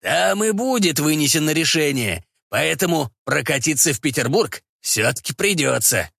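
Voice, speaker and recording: A man voicing a calm, shrewd male official in an audiobook reading. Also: on the high side, creaky, breathy edge, no echo, clean studio sound, heavily acted. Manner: calm, measured.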